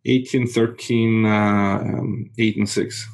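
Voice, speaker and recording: Here the man is a native Russian speaker from Moldova, in his forties, calmly describing his real estate investing in a casual interview. He takes it slowly, with a lowish, creaky voice, and often repeats words as he looks for them.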